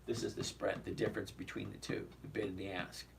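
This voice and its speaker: Brisk and flat, his voice sitting low and going hoarse and cracking, this stock-trading streamer chats casually with his audience, responds to viewers and keeps tossing in "okay?". A faraway mic catches faint background noise.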